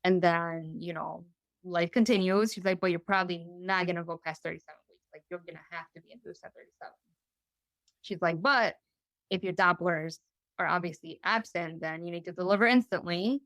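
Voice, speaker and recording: A woman's voice: lowish voice, steady tone, a little fast, a bit bright, no room sound. A young woman telling her story as a guest, casual and chatty, full of "you know" and "like", acting out what others said. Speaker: interview guest.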